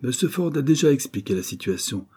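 A man's voice: medium pitch, big pitch swings, a little fast, warm tone, husky, voice pushed up. A man reading an audiobook, voicing a hot-tempered old male manager who speaks aggressively.

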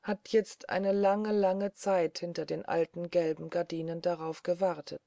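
A brooding male assistant with a dark, wistful way of speaking, as a woman reads him aloud. His voice has a gravelly edge and a mellow warmth. The sound is dry and close, like a storybook reading. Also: fairly low pitch, level tone, measured pace, dry recording. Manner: musing, darkly wistful. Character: brooding eerie male assistant, gloomy dreamer.

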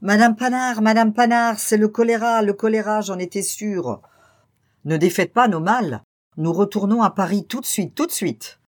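Fretful hypochondriac gentleman in a storybook reading, pitched up and loud, put on by the narrator. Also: lively intonation, normal speed, slightly rough. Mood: panicked. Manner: fretful, exclamatory, suspicious. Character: fussy anxious middle-aged bourgeois man.

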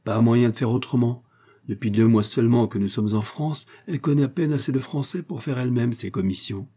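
A man voicing an excitable young working man in an audiobook. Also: medium pitch, brisk, slightly rough, lightly acted. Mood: exuberant. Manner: exuberant, excitable.

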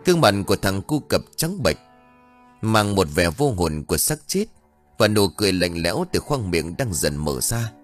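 A man narrating a ghost story audiobook with dramatic, expressive delivery. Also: low voice, moderate pace, faint music behind.

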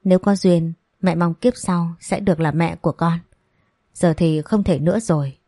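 A woman's voice: fairly low pitch, fairly even intonation, moderate pace, warm tone, dry recording, studio quality. A woman voicing an anguished young pregnant woman, in a storybook reading. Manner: anguished, apologetic.

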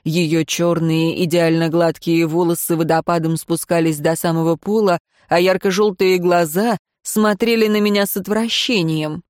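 A woman reading a first-person fantasy story in a calm, measured narration. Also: on the low side, no echo, clean studio sound. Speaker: audiobook narrator.

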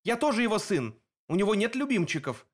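A man's voice: high-pitched, sing-song, a little fast, voice pushed up. A man doing a defiant teenage boy hero. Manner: shouting, urgent. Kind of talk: audiobook character voicing.

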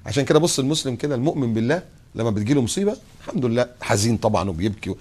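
A man preaching a sermon in an Egyptian accent, acting out short everyday dialogues and dropping to a hushed tone for quotations. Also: rapid-fire. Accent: Egyptian Arabic. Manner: lively, acts out little dialogues, drops to a low hush for quotes.

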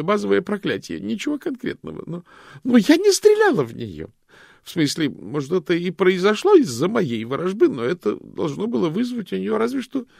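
A man voicing a frightened female fortune-teller suspect who stammers and pleads in a shrill voice. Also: vocal fry, a little mellow, breathy edge, no echo, clean studio sound, heavily acted.

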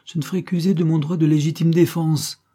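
A man's voice: on the high side, flat delivery, a little fast, warm tone, voice pushed up, lightly acted. A man reading an audiobook voices a furious, cornered, treacherous nobleman who speaks in an angry, blustering way.

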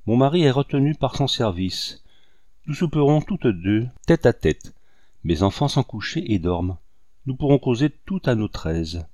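A man reading the lines of a gentle, kindly young married woman in an audiobook, speaking softly and coaxingly. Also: mid-range voice, lively intonation, a little slow, no room sound, clean studio sound, close to an everyday voice. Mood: tender. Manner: soft, coaxing delivery.

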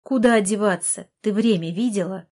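A woman's voice: medium pitch, normal speed, darkish tone, lightly acted. A woman voicing a sullen, resentful thirteen-year-old boy who snaps back at his sister, in an audiobook. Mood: sulky. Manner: sullen, snapping.

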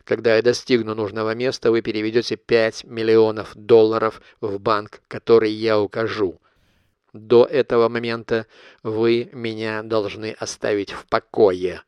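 A cold, calculating blackmailer, as an audiobook reader plays him, laying out his terms in cool clipped phrases. The voice sits fairly low and sounds smooth and resonant. The recording is close and dry, with no room sound. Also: little pitch movement, moderate pace, no echo, muffled recording, lightly acted. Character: cold calculating male blackmailer, middle-aged. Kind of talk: audiobook character reading.

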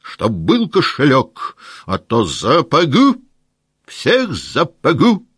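A man voicing a hot-tempered hussar officer who shouts in furious outbursts and burrs his r sounds. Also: a little high, wildly swooping pitch, slow, husky, no echo, clean studio sound, voice pushed up, heavily acted. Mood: furious shouting. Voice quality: burred, swallowed r sounds.

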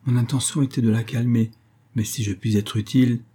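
A man's voice: mid-range voice, fairly even intonation, a little fast, warm tone, breathy edge, lightly acted. A man voicing a timid, awkward clergyman in an audiobook reading, speaking hesitantly.

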